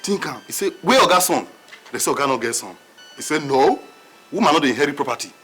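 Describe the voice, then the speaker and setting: Boastful, high-voiced Nigerian servant man. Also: animated, fast, a bit bright, a little hiss or hum. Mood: boastful storytelling. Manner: repetitive, argumentative, emphatic. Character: boastful male servant, argumentative and scornful of women. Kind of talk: dramatic film acting in Nigerian Pidgin.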